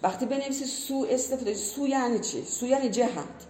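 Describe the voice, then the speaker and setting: A woman's voice: on the high side, mellow, a little hiss or hum. A woman who teaches language, explaining earnestly in conversation and giving many spoken examples. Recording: roomy echo.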